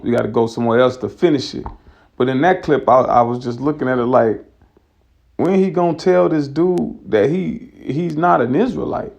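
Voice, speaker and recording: A man teaching scripture in a loose, conversational way, slowing down to read verses aloud. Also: mid-range voice, creaky, a little mellow, dull audio. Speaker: religious teacher.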